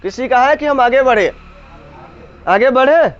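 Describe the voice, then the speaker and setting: A male teacher leading a grammar class. He repeats each point as a question to the students and slowly stretches the key words to stress them. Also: very high-pitched. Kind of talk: classroom lesson with call-and-response. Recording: slightly dull lo-fi sound.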